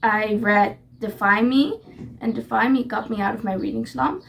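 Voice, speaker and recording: A woman's voice: a little high, fairly even intonation, normal speed, vocal fry, a bit bright, a little hiss or hum. A woman chatting casually to her viewers in a reading vlog, gushing and repeating herself to reassure them. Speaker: book vlogger.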